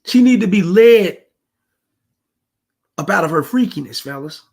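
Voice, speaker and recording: A man's voice: high voice, lively intonation, measured pace, gravelly, a little mellow. A man giving blunt, profane dating advice to the fellas while reacting to a street clip. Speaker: reaction commentator. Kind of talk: reaction commentary.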